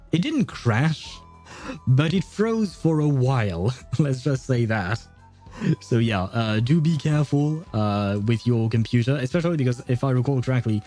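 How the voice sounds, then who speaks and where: Streaming a game, a man in a mellow, mid-range voice makes casual conversation with his viewers. His talk is rambling and hesitant, broken up by frequent chuckles, and faint game music plays in the background.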